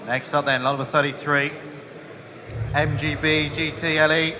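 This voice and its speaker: A man's voice: a little high, level tone, normal speed, noisy background. A man working as an auctioneer at a live sale, calling and repeating bids in a chant.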